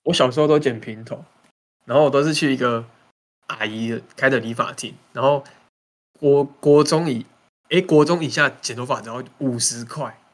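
A man's voice: medium pitch, moderate pace. Teasing male co-host. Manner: teasing, joking. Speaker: podcast co-host. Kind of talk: casual chat.

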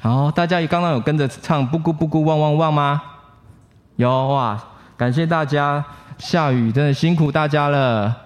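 A man's voice: on the high side, moderate pace, clear, resonant tone. A man hosts a live children's podcast at an outdoor street event, cheerfully coaxing the children with questions. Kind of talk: live podcast chat with a young audience. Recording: live show with loud band music.

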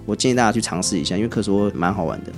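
A Taiwanese-accented man talks at a breakneck clip, his voice sitting low. He spins lively travel anecdotes as a podcast guest, faint music drifting underneath. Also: racing. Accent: Taiwanese Mandarin. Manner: animated, chatty anecdotes. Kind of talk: casual podcast storytelling.

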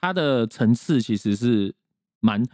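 A man co-hosting a podcast, explaining classical recordings in a relaxed, thinking-aloud way. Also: mid-range voice, a little slow, no room sound, studio quality. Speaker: podcast co-host. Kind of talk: casual chat on classical music.

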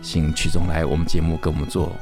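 A man hosting a radio interview, speaking in a measured, courteous way and praising his guest. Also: a bass voice, level tone, music in the background.

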